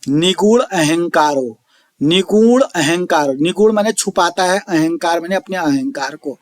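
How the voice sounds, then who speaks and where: A man teaching an online lecture, slowly explaining each term and repeating it, reciting verse lines drawn out. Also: fairly high pitch, expressive, no room sound, clean studio sound. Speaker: Sanskrit teacher.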